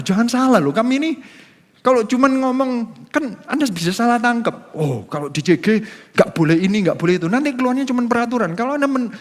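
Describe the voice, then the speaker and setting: A middle-aged male pastor with an Indonesian accent preaching a sermon in a chatty way, often acting out quoted voices. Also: high voice. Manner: conversational, acts out quoted voices, repeats words. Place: large church hall. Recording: live church hall with long reverb.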